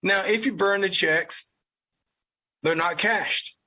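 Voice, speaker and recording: A man's voice: high-pitched, slow, pushed and bright. A man with a Southern US accent hosting an opinion podcast, talking in a blunt, profane, ranting way. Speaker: podcast host. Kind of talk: opinion commentary.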